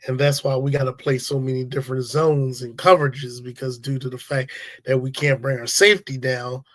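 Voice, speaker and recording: A man's voice: mid-range voice, flat delivery, fairly quick, fairly bright tone. A man hosting a casual sports talk stream, blunt and opinionated, using slang and talking straight to his viewers. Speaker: sports talk show host. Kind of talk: casual sports commentary livestream.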